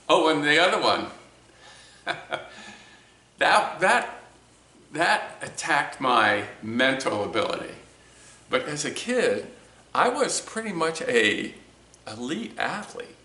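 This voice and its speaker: Slow, reflective man in an echoey room. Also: medium pitch, sharp tone. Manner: slow, reflective, with many restarts. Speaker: speaker of a talk series. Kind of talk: personal talk to camera. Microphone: camera mic.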